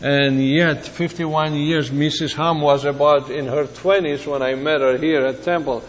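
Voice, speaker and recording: Slow older man preaching in a hall. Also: a little high, steady tone. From Greece. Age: 70s. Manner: halting, reflective, personal asides. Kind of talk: sermon.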